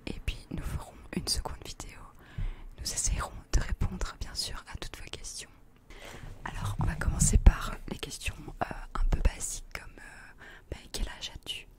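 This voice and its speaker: In a small indoor attic, a young woman in her 20s leans close to her desk condenser mic and reads viewer questions in a hesitant, breathy ASMR whisper, acting as co-host.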